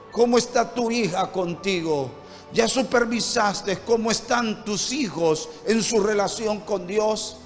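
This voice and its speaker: Fervent high-voiced Honduran pastor preaching. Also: male voice, in a large hall. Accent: Honduran Spanish. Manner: fervent preaching with rhetorical questions and repeated phrases. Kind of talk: sermon.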